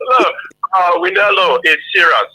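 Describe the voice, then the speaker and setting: A man calling in to a radio show, lively and loose, laughing easily. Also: high-pitched, breathy edge, dry recording, low-quality recording. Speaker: caller. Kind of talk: phone-in chat.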